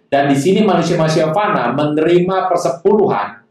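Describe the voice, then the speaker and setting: A man's voice: a little high, lively intonation, brisk, a little mellow. Man preaching in an echoey hall. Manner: addresses listeners directly, reads scripture aloud. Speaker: pastor. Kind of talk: Bible teaching sermon. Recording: echoey distant church hall sound.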